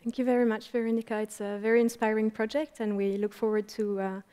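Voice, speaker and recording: A woman moderating a panel, thanking a speaker and handing the floor to the next, measured with some fillers. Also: a little high, little pitch movement, warm tone, smooth.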